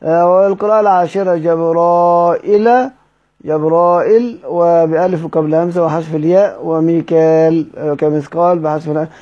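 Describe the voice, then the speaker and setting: A man with an Egyptian accent teaching a lesson on Quranic readings, halting and drawing out each word form slowly. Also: fairly high pitch, fairly even intonation. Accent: Egyptian Arabic. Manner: halting, restarts words, drawls out the names of readings slowly. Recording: dull lo-fi recording.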